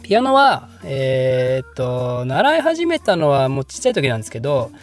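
A Japanese man hosting a history channel, answering viewer questions in a rambling, self-deprecating way with frequent laughter; his voice is slightly pitched up in editing. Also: wildly swooping pitch, normal speed, faint music behind. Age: adult, working. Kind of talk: casual Q&A monologue.

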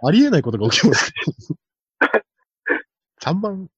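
A man hosts a loose podcast chat, racing through his points and laughing at his own jokes. His voice is husky and swings widely in pitch. It is a dry, somewhat dull lo-fi recording. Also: very animated, measured pace, fairly bright tone, no room sound. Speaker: podcast host. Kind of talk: casual chat about horse racing picks.

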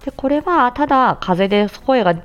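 A speech-language therapist, a woman, explaining in a casual, chatty way with many thinking pauses. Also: on the high side, smooth, lo-fi sound. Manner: animated and chatty, frequent thinking fillers.

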